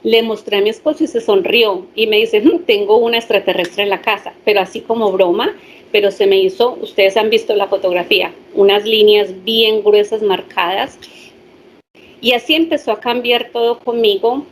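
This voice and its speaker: A woman's voice: mid-range voice, steady tone, moderate pace, slight background noise. A woman, a hypnotherapist earnestly sharing her personal story with a small group.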